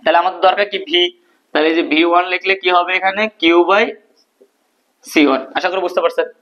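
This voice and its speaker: A man's voice: high-pitched, fairly even intonation, fast, a bit bright. A male teacher explaining a physics proof at a board, asking questions and answering them himself. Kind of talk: physics lesson at a whiteboard. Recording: dull lo-fi recording.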